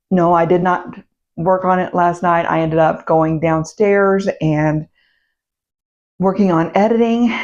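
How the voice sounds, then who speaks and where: A woman chatting casually to her camera as a vlog host, her voice still a little rough in the morning, meandering with fillers and self-corrections. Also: fairly low pitch, darkish tone. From United States. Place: home, indoors. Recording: dull, muffled sound.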